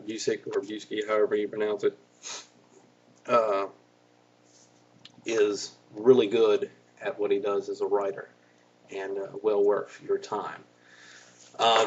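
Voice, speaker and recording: Husky man casually reviewing comics. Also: fairly low pitch, lo-fi sound. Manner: relaxed, stops often with fillers. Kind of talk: casual show-and-tell review.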